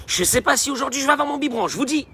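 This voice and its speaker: A man's voice: very high voice, lively intonation, racing, bright, forceful tone, pitched above the performer's own voice, full character voice. A man voicing a newborn baby in its crib, whining about being fed in a fretful, complaining way.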